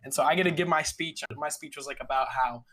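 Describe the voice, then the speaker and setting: Telling a story over a laid-back conversation, a young streamer guest talks fast in a high, bright, slightly sharp voice. His delivery is slangy and lively, and he slips into other people's voices as he describes what happened.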